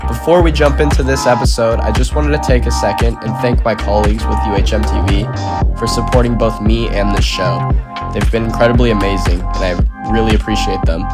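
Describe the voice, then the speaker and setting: This is a young man in his twenties with a fairly low voice, hosting a student interview show. He talks in an easygoing, plain-spoken way as he asks his questions. Loud music plays under his voice. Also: steady tone, a little fast. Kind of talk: casual interview.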